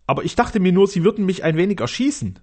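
A man's voice: sits high, big pitch swings, fast, a little mellow, pitched above the performer's own voice. A man reading aloud, voicing a timid coachman who makes lame excuses. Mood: sheepish. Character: cowardly coachman, meek and sheepish.

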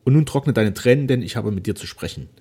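A man's voice: medium pitch, animated, quick pace, dark tone, husky, pitched above the performer's own voice. A man voicing an ailing old nobleman father, speaking solemnly and wearily in formal old-fashioned language. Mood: solemn remorse. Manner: solemn, weary, formal speech.

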